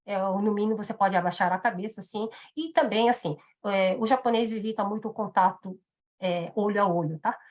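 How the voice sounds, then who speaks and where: A woman's voice: mid-range voice, a little fast, a little mellow. Chatty woman giving a seminar. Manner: chatty, many fillers and tag questions. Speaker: seminar speaker on Japanese business etiquette. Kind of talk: live online seminar talk. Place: in Japan.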